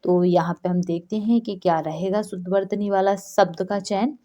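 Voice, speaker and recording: Female teacher, warm mellow tone, walks through answers by asking and answering her own questions. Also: medium pitch, fairly even intonation, normal speed. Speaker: Hindi teacher. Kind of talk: exam-prep lesson.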